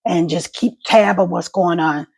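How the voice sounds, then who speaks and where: A woman talks casually and directly to her online viewers. Her voice is husky and full of fry, with a wet gargle to it as she speaks. Her speech is a little halting, with small stutters. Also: lowish voice. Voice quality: gravelly, husky. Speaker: vlogger and stroke survivor. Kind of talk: casual personal vlog to viewers.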